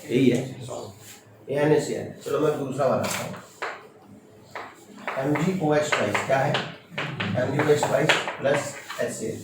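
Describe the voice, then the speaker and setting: Stern teacher in an echoey classroom. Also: male voice, medium pitch, measured pace, pauses often. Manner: firm, stern, quizzes students with short questions. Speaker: chemistry teacher. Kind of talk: classroom lecture. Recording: echoey classroom from far off, noisy.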